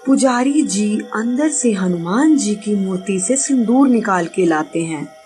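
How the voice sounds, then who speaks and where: A woman's voice: medium pitch, expressive, unhurried, darkish tone, soft background music. A woman narrating a cartoon horror story in a plain storytelling manner. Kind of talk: scripted narration.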